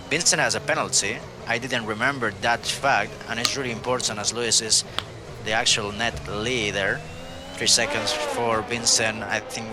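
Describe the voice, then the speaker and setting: A man with a somewhat low voice co-commentates a sim race, measured and analytical, breaking down the incidents. Clear hiss and noise run under his recording.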